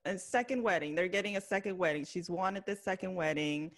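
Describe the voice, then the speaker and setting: Woman talkin it over slow n thoughtful, kinda low voice, lotta ums. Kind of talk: casual chat about a reality show.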